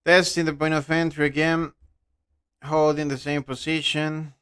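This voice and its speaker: A man's voice: fairly high pitch, little pitch movement, normal speed, a bit bright, clean tone. A young man from Costa Rica with a Costa Rican accent, hosting a live trading stream in his second language and answering viewer questions bluntly, his voice trailing off at the ends of phrases. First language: Spanish. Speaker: trading livestream host.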